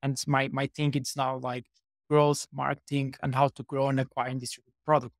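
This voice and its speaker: Man, from Portugal, 30s, podcast guest, flat even delivery, dry sound. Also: medium pitch, brisk, no room sound. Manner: chatty, many fillers and restarts. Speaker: guest, startup co-founder. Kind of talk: casual interview talk.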